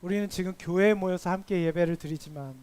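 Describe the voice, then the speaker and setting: Korean pastor guy, fairly high voice, lively storyteller, punches key words in his sermon. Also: fast talker, clean tone. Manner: lively storytelling, acts out dialogue, emphatic swells. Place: church service.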